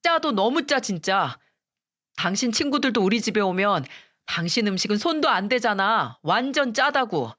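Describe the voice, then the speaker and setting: A woman's voice: medium pitch, very animated, moderate pace, a bit bright, no echo, studio quality. A woman voicing a frustrated young husband and son who complains with exasperation, in a scripted story reading. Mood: exasperated.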